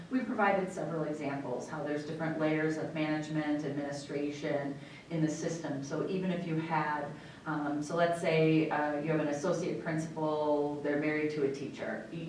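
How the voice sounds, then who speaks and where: American woman explaining stuff at a meeting, low voice, super echoey and a bit far from the mic. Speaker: school district superintendent. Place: indoor meeting room. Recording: echoey room, far mic, faint rumbling noise.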